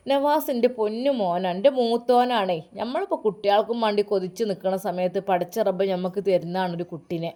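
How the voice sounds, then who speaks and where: A woman voicing an elderly, grieving mother who pleads through tears. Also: lightly acted. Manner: sobbing, softer and lower than the narration. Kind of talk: storytelling with acted dialogue.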